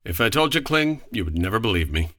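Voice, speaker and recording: Exasperated, sardonic noir-era writer, very expressive. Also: male voice, fairly low pitch, fast talker, dry recording. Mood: dry, sardonic. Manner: dry, sarcastic, formal. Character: exasperated, sardonic 1940s male writer dragged into trouble. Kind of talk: noir comedy radio drama acting.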